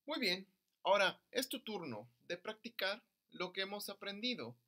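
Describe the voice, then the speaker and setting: A man teaching an English lesson to young children in Spanish, drilling pronunciation by slowly repeating words and stressing syllables. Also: high-pitched, very animated, bright, forceful tone. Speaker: primary school English teacher.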